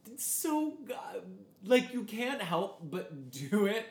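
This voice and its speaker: A man co-hosting a casual podcast chat, animated and chatty, laughing often. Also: sits high, slow, roomy sound, a crowd in the background. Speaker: podcast co-host. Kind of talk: casual chat about a film.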